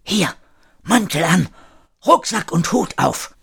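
A man voicing an old grandmother who talks in hushed, urgent whispers in an audiobook story. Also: medium pitch, expressive, measured pace, breathy edge, exaggerated voice. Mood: strict.

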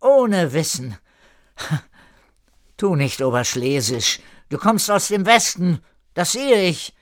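A man's voice: a little high, sing-song, slow pace, no room sound, clean studio sound, voice pushed up. A man voicing a bossy, suspicious but kindly village woman who scolds and probes with questions in an audiobook. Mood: brisk.

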